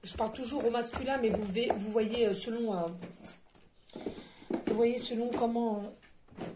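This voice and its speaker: High-pitched lady doing an oracle card reading, super excitable, chatty, keeps talking to her viewers. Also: unhurried, noisy background. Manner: effusive, exclamatory, chatty; addresses listeners directly and often. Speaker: tarot and oracle card reader.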